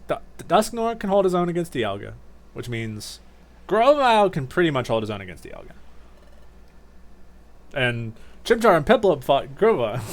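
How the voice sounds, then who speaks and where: A man streaming a video game, chatty and excitable as he comments on the story. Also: on the high side. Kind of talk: casual let's-play commentary. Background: faint game music.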